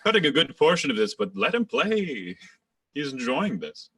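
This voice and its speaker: A man voicing an assured actor-manager who directs his company and corrects the pronunciation. The voice is bright and animated, with plenty of pitch movement. He sounds sure of himself and a little grand. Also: moderate pace, gravelly, husky. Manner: assured, explanatory, theatrical. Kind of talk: radio drama acting.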